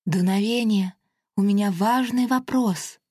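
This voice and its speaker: A woman reading a storybook aloud and voicing a small, excitable girl air fairy who talks in an eager, insistent rush. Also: mid-range voice, measured pace, husky, no echo, studio quality. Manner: breathless, insistent, bubbly.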